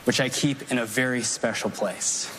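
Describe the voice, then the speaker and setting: A man in his twenties performing a scripted comedy magic routine on stage, with a dry, deadpan delivery and formal, precise wording. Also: mid-range voice, moderate pace. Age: 20s. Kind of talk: scripted stand-up magic routine to a live audience. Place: theater stage before an audience. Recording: noisy live theater recording.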